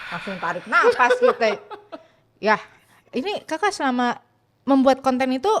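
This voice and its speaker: A woman hosting a casual interview, lively and quick to laugh and react. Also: on the high side. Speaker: interviewer host.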